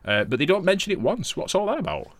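A man's voice: sits high, sing-song, fast talker, no room sound, studio quality. A man co-hosting a podcast in casual chat, laughing often and swearing. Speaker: podcast co-host.

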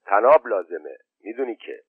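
A man's voice: fairly low pitch, sing-song, breathy edge, no room sound, heavily acted. A man reading aloud voices a nervous young village man with short, uneasy lines. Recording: thin phone-like sound.

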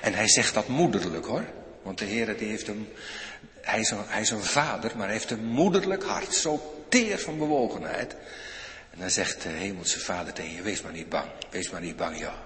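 A man's voice: on the low side, normal speed. Guy preaching a sermon, voice swings way up and down, lots of direct asides to the congregation, big church echo. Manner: animated, addresses the congregation directly, frequent "hè". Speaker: pastor. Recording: echoey church hall.

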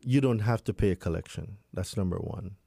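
A man's voice: on the low side, fairly quick, gravelly, dark tone, no room sound, studio quality. A man with a Jamaican accent explaining things in an emphatic, instructive, conversational way, like an expert guest.

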